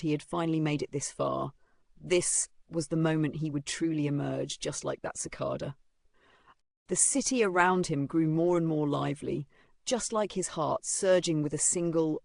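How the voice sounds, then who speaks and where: Recap narrator, dramatic pauses, gravelly voice, dead dry sound. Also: medium pitch, dry recording.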